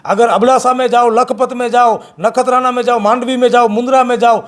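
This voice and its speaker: A man speaking as an activist in an interview, forceful and repeating his points with emphasis. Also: very high voice, fairly even intonation, a little fast. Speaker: campaign activist. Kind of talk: interview, political criticism.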